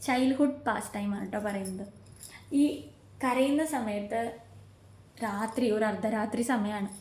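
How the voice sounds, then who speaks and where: A woman retelling a devotional saint's story in earnest, slow storytelling talk, asking rhetorical questions of her listeners. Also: mid-range voice, a little mellow. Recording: echoey room with faint ambient noise.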